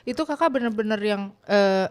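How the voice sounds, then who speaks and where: A woman hosting a casual interview, lively and quick to laugh and react. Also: medium pitch. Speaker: interviewer host.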